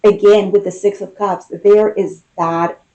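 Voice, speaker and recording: A woman giving an unscripted, intimate tarot card reading, musing aloud with pauses and repeated phrases. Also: mid-range voice, steady tone, mellow, highs cut off.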